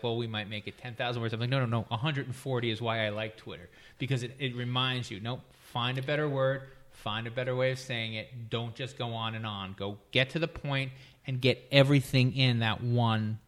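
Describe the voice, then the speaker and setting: A man hosting a podcast, talking in a quick, animated way in casual chat. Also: mid-range voice.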